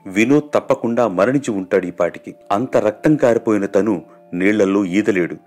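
A male audiobook narrator telling a story in a measured, dramatic way. His voice sits low, and soft music plays faintly beneath it.

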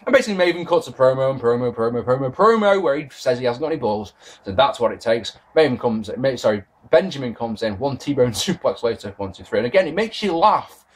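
A British man in his thirties delivers a sarcastic, sweary wrestling review to a webcam, speaking in a medium-pitched voice with a breathy edge. It's a casual video review recorded indoors in a bedroom with posters.

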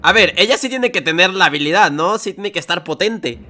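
A young man, hosting a reaction video with excited, playful commentary full of slang and exclamations. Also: high voice, fairly quick, a little hiss or hum. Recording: music playing behind.

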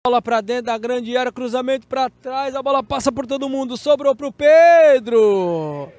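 A man's voice: extremely high pitch, level tone, fairly quick, dry recording. A man with a Brazilian accent giving live play-by-play commentary on a football match.

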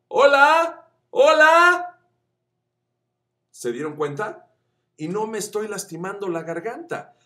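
A man teaching voice acting, chatty and encouraging, who demonstrates shouts that climb up the pitch scale. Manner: addresses viewers as friends, chatty and encouraging. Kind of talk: tutorial.

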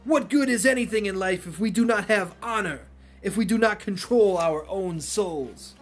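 A man's voice: high-pitched, moderate pace, voice pushed up. A man voicing a sly aged male sorcerer who hosts a martial arts tournament, in a stiff, put-on delivery. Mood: smug. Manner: stiff, imitating a game character's delivery.

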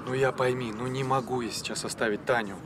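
A middle-aged actor playing an apologetic, weak-willed lover in a screen drama, pleading hesitantly. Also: male voice, medium pitch, steady tone, fast, lightly acted. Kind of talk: naturalistic screen drama acting. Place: outdoors at a bus station. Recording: loud outdoor traffic noise.

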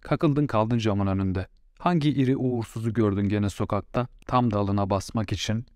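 A proud, quarrelsome mother-in-law scolds with indignant force, played by a man reading the story. The voice is low, and the recording is close and dry. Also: moderate pace, a little mellow, no echo, natural voice. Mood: scolding.

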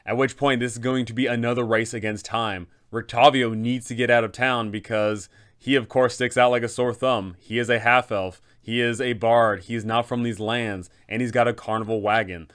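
In a smooth, mid-range voice with a fairly bright tone, a man in his thirties explains a tabletop adventure for game masters. He keeps a normal speed with hardly any pauses and fairly even intonation, and his advice comes across as emphatic and methodical.

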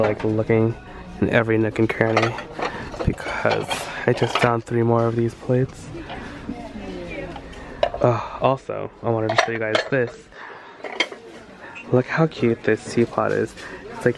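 There's heavy background noise as a man with a mid-range, vocal-fry voice vlogs his thrift run, handheld camera in a store aisle. In casual narration he talks to himself and raves, full of excitement, about what he's found.

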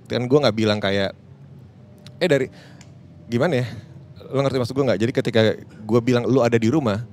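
Fast-talking man with Jakarta slang. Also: mid-range voice, a little hiss or hum. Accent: Jakarta Indonesian. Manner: fast, animated, mixes in English phrases. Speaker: podcast co-creator guest. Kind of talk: casual panel talk.

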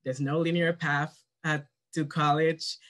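A young man with a slightly raised voice talks on a video call, stumbling over his words and filling pauses with "uh." He speaks as a student sharing experiences with a panel. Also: on the high side, level tone, fairly bright tone. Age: young adult. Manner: hesitant, many fillers and restarts.

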